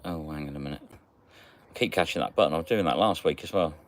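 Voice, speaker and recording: A man's voice: a bass voice, brisk. A man hosting a casual livestream, chatting and greeting viewers by name as he reads their comments. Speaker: magnet fishing livestream host.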